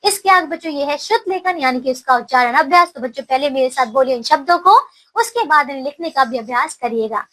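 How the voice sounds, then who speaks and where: A woman's voice: high voice, expressive, fast, fairly bright tone, low-quality recording. A woman teacher explaining a textbook lesson to children, often checking they follow and glossing words in English.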